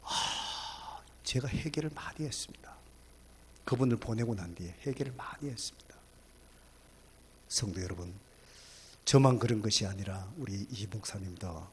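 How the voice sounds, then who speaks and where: A male pastor, preaching a sermon, swinging between loud exclamations and hushed whispers. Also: medium pitch, husky.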